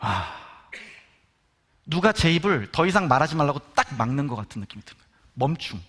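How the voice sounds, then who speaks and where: Lively high-voiced man giving a testimony. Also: fairly quick, breathy edge. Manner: animated storytelling, acting out quotes. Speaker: guest speaker at prayer meeting. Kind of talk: testimony sermon.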